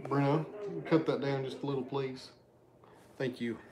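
There's crowd noise behind this man, who speaks at medium pitch in a steady tone and moderate pace. He hosts a casual livestream from his living room, reading super chats and chatting with viewers. He's talkative, thanks viewers by name, and loses his train of thought.

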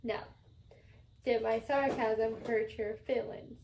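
A woman vlogger playing a whisper challenge game with her sister-in-law, mouthing phrases slowly and deliberately. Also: a little high, fairly even intonation, creaky, a little mellow. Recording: echoey room with background noise.

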